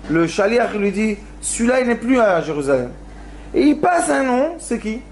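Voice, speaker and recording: A man's voice: high-pitched, very animated, moderate pace, a little hiss or hum. A man giving a Torah lesson as a rabbi, telling stories and acting out pleading cries, with Hebrew words mixed into his talk. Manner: storytelling, acts out pleas with rising cries. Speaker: rabbi teaching a Torah class. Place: lecture hall.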